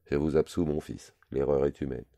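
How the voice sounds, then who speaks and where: A man's voice: very deep voice, steady tone, moderate pace, gravelly, mellow, no echo, studio quality. A man doing a brash, teasing shady lawyer.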